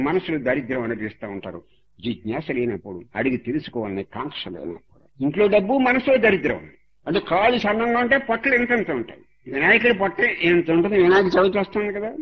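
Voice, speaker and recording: A man's voice: on the high side, breathy edge, lo-fi sound. A man giving a religious discourse as a spiritual teacher, moralizing and repeating each point to drive it home.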